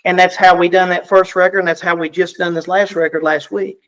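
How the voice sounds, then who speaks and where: A middle-aged country singer with a strong Southern US accent and a slightly high voice. He talks in a folksy, self-deprecating way, often repeating a word as he starts a thought. His tone stays relaxed and chatty throughout the interview. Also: brisk, rough recording. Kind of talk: casual interview chat.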